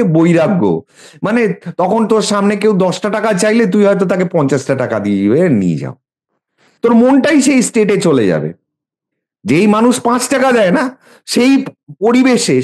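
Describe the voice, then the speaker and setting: A man's voice: high-pitched, a little mellow. A middle-aged man explaining mantras in a casual, emphatic way, sometimes chanting lines as examples.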